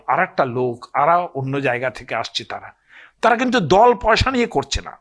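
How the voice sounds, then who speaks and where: A man's voice: on the high side, fairly bright tone, breathy edge. A man with a Bengali accent telling old stories to an audience in a loose, digressive way, often asking listeners to agree. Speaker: speaker on scripture and myth. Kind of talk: storytelling talk to an audience.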